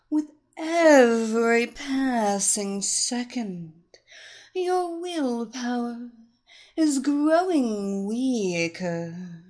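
A woman's voice: a little high, heavily acted. A woman voicing a droning, commanding hypnotist.

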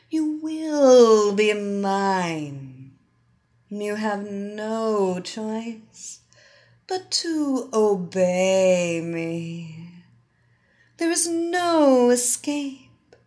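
A woman voicing a commanding blonde witch who hypnotizes with a soft, mesmerizing voice. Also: medium pitch.

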